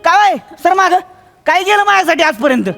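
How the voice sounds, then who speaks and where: A fuming village farmer who shouts old grievances at his family in a loud rustic manner. The voice sits high and gravelly with a bright, cutting edge. It carries through a roomy stage hall with music behind it. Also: lively intonation, heavily acted. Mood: aggrieved. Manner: loud, rustic dialect, quick comic grievance. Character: angry rustic younger brother, village farmer. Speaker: comic actor. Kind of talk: stage sketch comedy.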